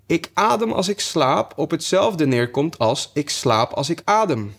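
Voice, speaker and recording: A man's voice: on the high side, big pitch swings, unhurried, creaky, a bit bright, pitched above the performer's own voice, full character voice. A man voicing a small, sleepy dormouse that talks as if asleep in an audiobook. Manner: sleepy, mumbling. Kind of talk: audiobook character voice.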